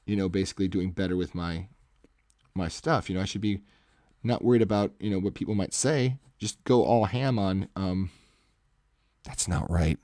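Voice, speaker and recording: A man with a deep, warm voice runs an art livestream, talking casually to viewers while sketching. He speaks at a normal speed in a commanding, salesman-like way, rambling and correcting himself. The recording is dry, with the microphone close to his face.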